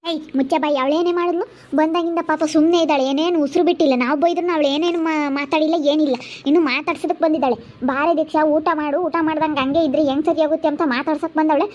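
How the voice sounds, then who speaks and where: Woman doing an angry scolding sister, rural karnataka accent, fast and sharp. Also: high voice, fairly even intonation, lightly acted. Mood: rebuking. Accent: rural central Karnataka Kannada. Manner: loud, rebuking. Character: angry woman defending the quiet girl, shouting down her sister. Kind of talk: amateur family drama acting. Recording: muffled lo-fi recording.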